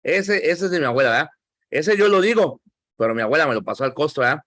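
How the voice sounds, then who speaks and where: A man's voice: a little high, expressive, quick pace, a bit bright, no room sound, studio quality. A man with a Mexican accent teaching a Bible class, talking conversationally and asking the class questions.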